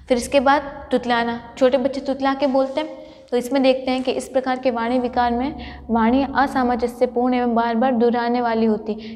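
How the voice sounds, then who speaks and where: High-voiced woman lecturing in an echoey hall. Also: warm tone. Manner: explains by asking and answering her own questions. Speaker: college lecturer. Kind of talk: classroom lecture.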